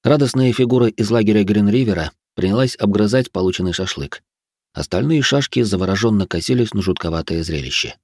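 A man narrating an audiobook in an even storytelling manner. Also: lowish voice, a little fast, slightly rough, no room sound, clean studio sound. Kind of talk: scripted narration.

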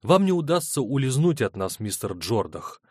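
A man reading an audiobook voices a shrill, melodramatic middle-aged woman who shrieks her accusations. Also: sing-song, moderate pace, warm tone, husky, no room sound, clean studio sound. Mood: demanding.

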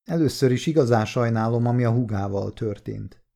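A man's voice: medium pitch, creaky, close to an everyday voice. A man reading a polite, probing detective. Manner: courteous, gently probing questions. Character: polite, persistent male police detective.

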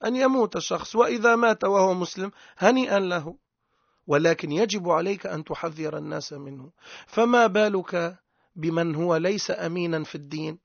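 A man's voice: high-pitched, fairly quick, vocal fry, no echo. A Tunisian man teaching a religious lesson in an emphatic way, mixing dialect with formal speech and drawing out words to show mistakes. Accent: Tunisian Arabic. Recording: dull lo-fi dry recording.

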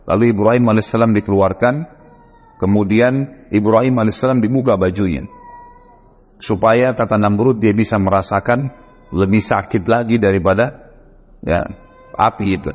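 A male preacher telling a religious story in an animated, conversational way, with frequent asides to his listeners. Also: lowish voice, moderate pace, pauses often. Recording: dull echoey hall recording.

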